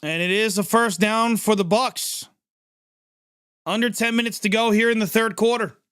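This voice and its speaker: Excitable high-voiced man calling plays. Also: clear, resonant tone, no room sound, studio quality. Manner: excitable, chatty, quick to laugh and react to plays. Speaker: livestream sports reaction host. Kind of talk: live play-by-play reaction commentary.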